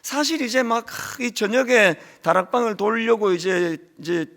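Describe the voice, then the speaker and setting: A man's voice: high-pitched, normal speed, fairly bright tone. A man preaching a sermon as a pastor, telling stories and acting out the voices of his church members. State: lingering cold.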